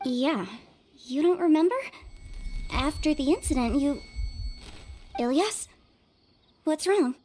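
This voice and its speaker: Game role: caring, protective young sister, upbeat, high voice. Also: female voice, animated, slow pace, pauses often, warm tone, a little hiss or hum. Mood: concerned. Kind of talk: video game voice acting.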